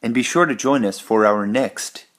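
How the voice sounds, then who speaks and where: A man teaching English, telling a news story to learners with a slow, carefully spaced delivery. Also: medium pitch, fairly bright tone.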